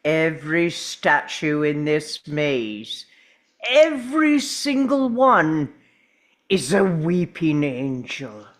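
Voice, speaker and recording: An actor playing an urgent, commanding time-travelling doctor in a dramatic script read, with deliberate, halting delivery. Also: medium pitch, very animated. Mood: grave.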